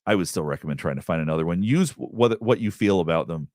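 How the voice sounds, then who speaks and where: A middle-aged male therapist from the Southeastern United States hosts a live Q&A, rambling casually through viewer questions with plenty of fillers and restarts. His voice is low-pitched and darkish, delivered fast and animated. The studio-quality recording has no echo.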